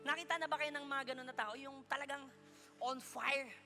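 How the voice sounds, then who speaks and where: A male pastor with a Filipino accent preaching a lively sermon in church, teasing the congregation as he goes. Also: very high voice, quick pace, music in the background. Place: church hall.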